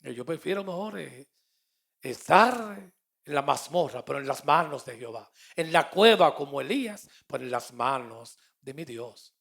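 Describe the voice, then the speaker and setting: A middle-aged man with a Puerto Rican accent, a pastor preaching a sermon and telling stories, moving between loud and soft. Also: a little high, animated, moderate pace, vocal fry. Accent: Puerto Rican Spanish. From Puerto Rico. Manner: storytelling with quoted dialogue, swings between loud and soft.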